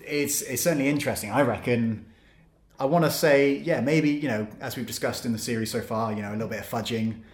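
A man co-hosts an informal podcast in a room with noticeable echo. His pitch is average, and he talks haltingly, restarting and rewording his thoughts as he goes. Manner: halting, rephrases as he thinks aloud. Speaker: podcast co-host. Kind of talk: casual unscripted discussion. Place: studio. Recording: roomy, echoing studio sound.

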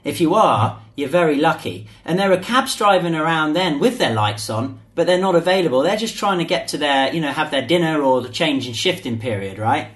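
A man's voice: fairly high pitch, animated, brisk, few pauses, fairly bright tone. A man co-hosting a casual podcast, chatty and prone to repeating himself. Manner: chatty, repeats himself, sings a short jingle. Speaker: podcast co-host.

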